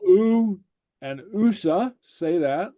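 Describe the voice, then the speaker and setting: Brief: male teacher, slightly high voice, mellow tone, slow patient delivery, dry close sound. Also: expressive, dry recording, dull audio. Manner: patient, repeats "okay?" after each point, many fillers. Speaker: language teacher. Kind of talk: slow explanatory class lecture.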